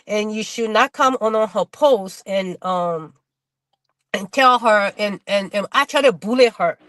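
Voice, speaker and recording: A middle-aged woman from Liberia, a bodybuilder guest telling her story in casual webinar talk, halting and restarting her words often. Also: medium pitch, a bit bright, no room sound.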